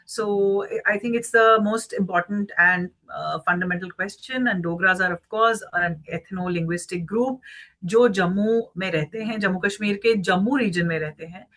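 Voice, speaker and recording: A woman with a Jammu Indian accent speaks as an interview guest. Her delivery is fast and her tone is bright and forward. She explains in an earnest, articulate way, slipping between two languages. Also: medium pitch. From Jammu region, India. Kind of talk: explanatory interview talk, switching between English and Hindi.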